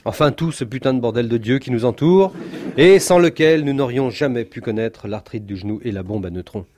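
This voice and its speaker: A man's voice: medium pitch, animated, fairly quick, a little mellow. A man reading his own sardonic, ironic comic chronicle on the radio. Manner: sardonic, ironic, crisply articulated. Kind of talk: scripted comic monologue.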